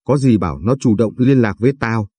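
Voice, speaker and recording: A man's voice: medium pitch, lively intonation, fairly quick, mellow, slightly rough, no room sound. A man voicing a rude, ruthless woman kidnapper in an audio story, barking short orders. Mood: threatening. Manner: curt, rude.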